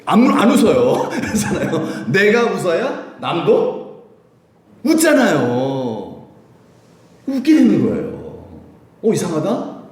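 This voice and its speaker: Male pastor, wide swooping delivery, slightly high voice, heavy church echo. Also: slow. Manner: animated, laughing often, asks the congregation questions. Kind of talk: sermon. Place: church sanctuary. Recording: very echoey church hall.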